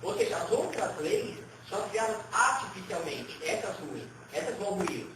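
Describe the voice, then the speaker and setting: Participante homem, conversa informal e narrativa, gravado de longe com ruído de fundo claro. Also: male voice, sits high, lively intonation, normal speed. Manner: chatty, frequent tag questions. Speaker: participant in spiritual session. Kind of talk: casual conversational storytelling. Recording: distant mic in echoey room with noise.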